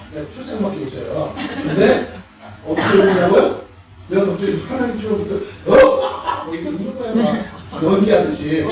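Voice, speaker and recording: Animated high-voiced pastor in echoey hall. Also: male voice. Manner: animated, asks the congregation questions, laughs while mimicking. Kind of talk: sermon. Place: church sanctuary. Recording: echoey church hall, mic far off.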